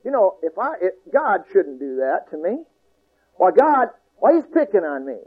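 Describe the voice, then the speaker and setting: A grumbling, self-pitying sinful self complains that nothing goes his way, as a preacher puts him on. The voice sits high for a man, but here it drops into a low, sulky mutter. The sound is thin and tinny, like a radio broadcast. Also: big pitch swings, normal speed, husky, heavily acted.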